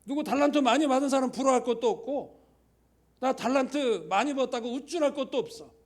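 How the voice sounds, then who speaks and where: A man who is a church elder, preaching a sermon in a conversational way, asking the congregation questions and dropping now and then to a hushed whisper. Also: very high-pitched, fast. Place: church sanctuary.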